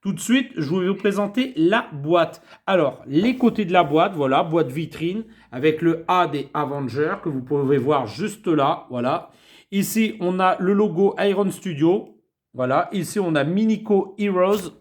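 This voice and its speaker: A man's voice: fairly high pitch, expressive, a little slow. A man chatting casually as he unboxes a collectible figure, rambling with many fillers. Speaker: toy collector vlogger.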